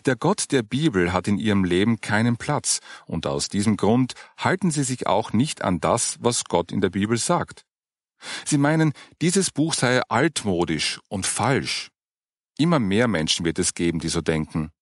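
Man reading patient woman, earnest gentle explaining, lively tone, dry sound. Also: on the low side, moderate pace, no echo. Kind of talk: audiobook character reading.

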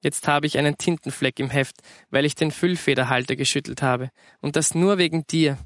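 A man's voice: on the high side, fairly bright tone, no room sound, clean studio sound, natural voice. A man doing a pleading, chattering schoolgirl. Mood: indignant. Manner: rapid topic-hopping pleading. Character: schoolgirl daughter, chatty, demanding, excitable.

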